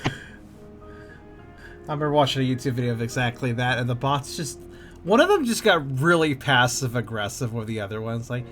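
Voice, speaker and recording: Bright, animated male tabletop player. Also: medium pitch, brisk, pauses often, faint music behind. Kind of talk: casual chat, describing his character's actions.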